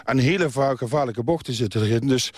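Male traffic official, medium pitch, plain and patiently firm, dry outdoor interview sound. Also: fast, slightly rough, no echo. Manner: matter-of-fact, patiently insistent. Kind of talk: spontaneous radio interview. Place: outdoors on a snowy road.

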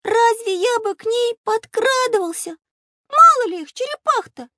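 A woman voicing a dreamy, wistful little lion cub in an audio drama, in a high childlike singsong. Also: expressive, moderate pace, pushed and bright, no echo, studio quality, heavily acted.

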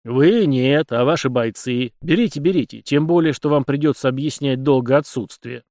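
A man's voice: mid-range voice, normal speed, darkish tone, dry recording, studio quality, lightly acted. A man reading a stern commanding captain. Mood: formal. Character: stern commanding middle-aged male captain.

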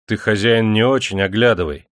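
A man's voice: medium pitch, expressive, moderate pace, no room sound, voice pushed up, natural voice. A young serf stable hand in an audiobook, as a male narrator puts him on, pleading with his master in a raised, earnest voice. His reproach sounds stern but humble, and the recording is dry and close.

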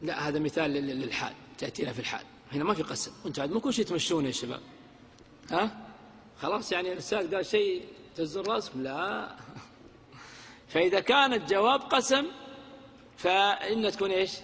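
A man teaches grammar to a class of students, his voice sitting high for a man. He keeps quizzing the class with prompting questions and slows down to chant lines of verse. A long reverb of a hall hangs on every word. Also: lively intonation, fairly bright tone, a little hiss or hum.

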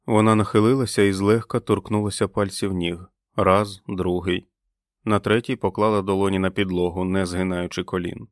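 A man reading a novel aloud as an audiobook narrator, in a measured, expressive way. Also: deep voice, dry recording, clean studio sound. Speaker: audiobook reader. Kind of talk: scripted narration.

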